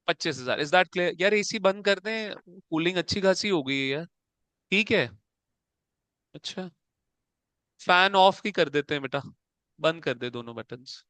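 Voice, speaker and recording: Male teacher, high and bright, crisp delivery, calls students "beta", keeps checking they follow, live classroom. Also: dry recording. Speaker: accounts teacher. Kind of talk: classroom lecture.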